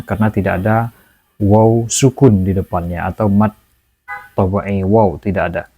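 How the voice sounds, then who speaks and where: A man teaching correct Quran pronunciation, moving between slow chanted recitation and brisk explanation. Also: lowish voice, dark tone, no echo. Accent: Indonesian. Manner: alternates slow melodic chanted recitation with quick spoken explanation.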